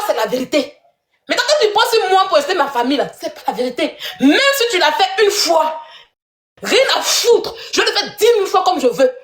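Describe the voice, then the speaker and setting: A woman with a high voice tears into someone in a heated live-stream rant. Her tone is accusatory and scornful, laced with mocking laughter. The sound is roomy, with a clear echo around her voice. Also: fairly bright tone.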